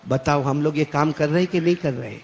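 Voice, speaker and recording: Gravelly high-voiced preacher. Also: male voice, highs cut off, a little hiss or hum. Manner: impassioned, swinging from hushed to shouting. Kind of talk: sermon. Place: mosque.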